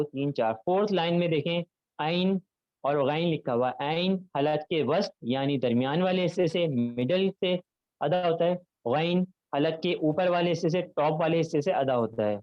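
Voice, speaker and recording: A man teaching an online class, patiently explaining step by step and repeating sounds slowly over a video call. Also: fairly high pitch, no room sound. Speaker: Quran recitation teacher. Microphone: computer mic on a video call. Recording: dull, dry video-call audio.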